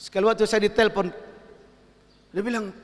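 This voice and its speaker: A male pastor preaching a storytelling sermon, lively and given to shouting for emphasis. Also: high voice, brisk. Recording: long hall reverb.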